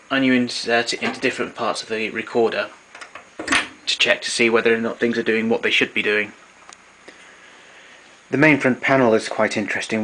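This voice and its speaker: In a lowish, slightly bright voice, a collector of vintage tape recorders presents an informal technical demo. He explains plainly and matter-of-factly, and the low-quality recording carries noticeable room ambience and background noise.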